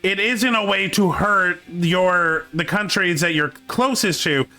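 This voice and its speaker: A man from Canada chatting casually on a stream, opinionated and halting, restarting his sentences often, with faint game music behind. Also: sits high, pushed and bright. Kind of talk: casual chat.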